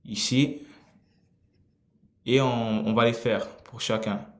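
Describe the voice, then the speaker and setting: A man teaching grammar in a live online lesson, explaining slowly with many pauses. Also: mid-range voice, level tone. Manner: slow, drawn-out explaining with frequent pauses. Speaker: Italian teacher. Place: room, typing on a keyboard. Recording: roomy echo.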